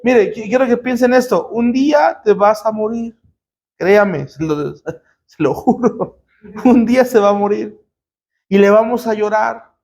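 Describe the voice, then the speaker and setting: A man's voice: high voice, a little slow, vocal fry, darkish tone. A man preaching a sermon to a congregation as pastor, emphatic, with rhetorical questions and call-and-response. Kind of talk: sermon teaching.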